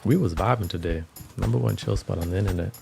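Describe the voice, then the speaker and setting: A man's voice: deep voice, fast talker, vocal fry, noisy background. A man hosting a music livestream, chatting casually in a laid-back, slangy way. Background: music playing.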